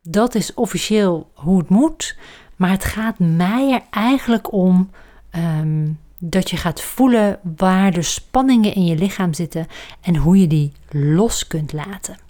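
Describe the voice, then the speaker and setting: Slow, soft-spoken woman guiding relaxation. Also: fairly low pitch. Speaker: yoga relaxation guide. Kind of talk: guided relaxation instruction.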